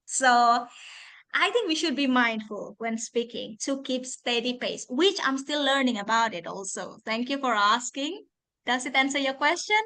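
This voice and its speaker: Bright high-voiced Indonesian woman lecturer. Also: lively intonation, moderate pace, rough recording. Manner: chatty, laughs often, self-deprecating. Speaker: guest speaker, English lecturer. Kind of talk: answering questions in an online session. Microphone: video call.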